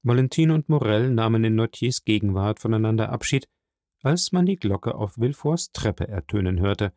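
A man narrating a classic novel as an audiobook, reading in a steady, measured storytelling voice. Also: fairly low pitch, no room sound, clean studio sound.

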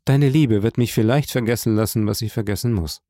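A man reading aloud plays a grave older nobleman who speaks in a solemn, measured way. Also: lowish voice, mellow, dry recording, studio quality, natural voice.

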